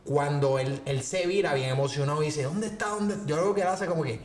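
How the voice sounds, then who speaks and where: A man's voice: on the high side, fairly quick, roomy sound. A young Puerto Rican man, a podcast co-host, telling stories in casual chat and acting out what people said. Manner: animated storyteller, acts out quoted voices.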